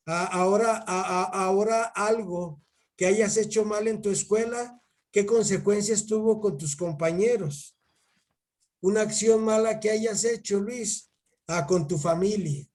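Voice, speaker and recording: A man with a Mexican accent giving a religion lesson to a child, halting and repeating his words as he keeps calling the pupil by name. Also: sits high, a little mellow. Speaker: catechist teaching a child.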